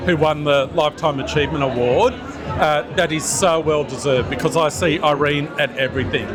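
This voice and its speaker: A man's voice: on the high side, a little fast. A man speaking as a senator in an event interview, enthusiastic and restarting his sentences. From Australia. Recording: event with music and crowd chatter.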